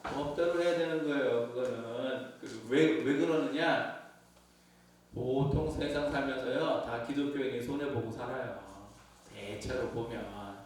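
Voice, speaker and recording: A man's voice: mid-range voice, measured pace, slight background noise. A male pastor giving a conversational sermon to his congregation, often asking them questions. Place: church sanctuary. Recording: echoey church from far off.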